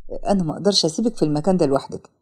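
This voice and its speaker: A woman voicing a kind, calm young man with an Egyptian accent, gentle and reassuring in a storybook narration. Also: on the low side, rapid-fire, breathy edge, voice pushed down. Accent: Egyptian Arabic. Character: kind, calm wealthy young man who rescues her.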